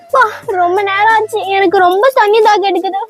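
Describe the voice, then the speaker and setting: Tearful neglected girl, voiced by a woman, very high, plaintive, comedy skit. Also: fairly even intonation, brisk, music in the background. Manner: plaintive, whiny pleading.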